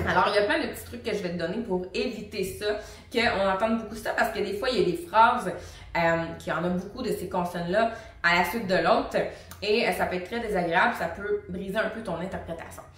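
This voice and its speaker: A woman, a singing teacher and vocal coach, explaining technique to the viewer in a lively, casual way and demonstrating the sounds herself. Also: mid-range voice, brisk. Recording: very echoey room, mic at a distance.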